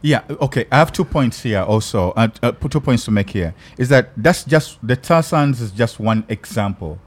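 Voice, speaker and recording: A Ugandan man hosting a podcast in casual chat, thoughtful and halting, with many restarts. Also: medium pitch, expressive. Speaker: podcast host.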